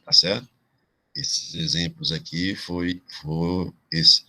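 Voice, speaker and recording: A man from Ceará teaching a Brazilian exam-prep class, explaining grammar rules slowly and checking in with his students again and again. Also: sits low, steady tone, sharp tone. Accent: Brazilian Portuguese, Ceará. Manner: drawn-out explanations with frequent "tá certo?" check-ins. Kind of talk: online exam-prep lesson.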